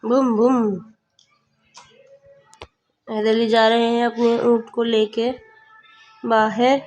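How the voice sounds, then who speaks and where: A young woman, a mother, chatting gently with viewers in a casual home vlog while she sounds unwell. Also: on the high side, flat delivery, extremely slow, faint music behind. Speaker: vlogger and mother.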